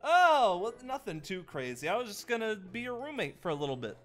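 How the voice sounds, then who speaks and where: A man voicing an eager, naive ghost in an improvised game roleplay, rambling and pleading excitably. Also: high-pitched, fairly quick, soft background music. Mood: sheepish, upbeat. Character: eager, naive male ghost possessing an animatronic fox.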